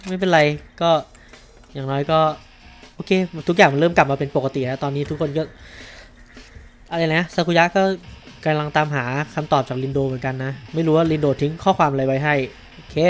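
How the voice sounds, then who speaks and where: A man's voice: on the high side, fairly quick. Male let's-play streamer, stuffy voice from allergies, casual exclamations, faint game music. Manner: casual, exclaims during fights. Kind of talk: let's play commentary and dubbing.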